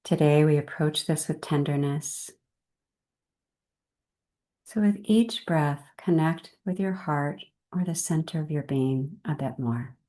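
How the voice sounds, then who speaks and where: Her voice is low as she guides a meditation, unhurried and gentle. She moves through measured phrases and leaves long pauses between them.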